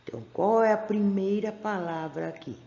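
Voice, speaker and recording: Uma professora de sotaque brasileiro dá uma aula gravada para crianças do primeiro ano. Ela estica as sílabas com paciência e faz perguntas à turma. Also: female voice, medium pitch, normal speed, gravelly, mellow, roomy sound, lo-fi sound. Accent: Brazilian Portuguese. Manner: patient, stretches out syllables, asks the class questions. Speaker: primary school teacher. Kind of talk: recorded remote class for first graders. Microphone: camera pointed at a workbook.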